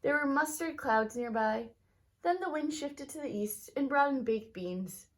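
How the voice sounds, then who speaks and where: A woman reading a children's storybook aloud like a teacher, with expressive, emphatic phrasing aimed at young listeners. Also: high-pitched, unhurried. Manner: talks directly to young listeners.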